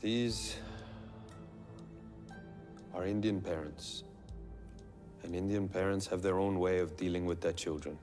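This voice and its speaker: An actor playing a defence lawyer who argues formally before a court. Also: male voice, deep voice, steady tone, darkish tone, faint music behind. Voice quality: formal, measured. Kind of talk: film drama.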